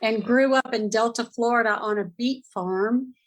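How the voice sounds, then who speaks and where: Woman guest from Southern California, somewhat high voice, rambling animated storyteller. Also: normal speed, low-quality recording. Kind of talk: podcast interview.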